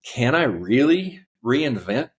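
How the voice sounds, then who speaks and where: A man in his fifties, a podcast guest telling his life story earnestly, halting with fillers. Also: mid-range voice, sing-song, vocal fry. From United States. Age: 50s. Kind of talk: reflective personal storytelling.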